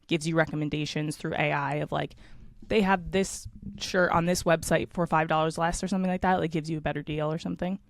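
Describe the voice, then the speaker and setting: A woman co-hosting a casual chat podcast, hoarse with morning voice, leading into each story with lots of filler words. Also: low voice, fairly even intonation, a little fast, no room sound. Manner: leads into stories, lots of fillers. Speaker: podcast co-host.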